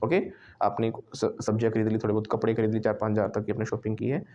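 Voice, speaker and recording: A man's voice: lowish voice, monotone, fast talker, warm tone, lo-fi sound, a little hiss or hum. Man teaching a class. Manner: drills the class with questions and repetition. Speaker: English teacher. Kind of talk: classroom lesson mixing Hindi and English. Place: classroom with students.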